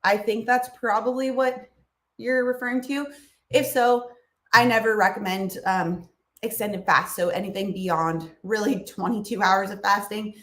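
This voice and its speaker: Her voice is mid-range and fairly even, delivered at a measured pace with a roomy sound. As a nutrition channel host fielding livestream questions, she explains casually with fillers and small laughs, coughing and clearing a slightly froggy throat.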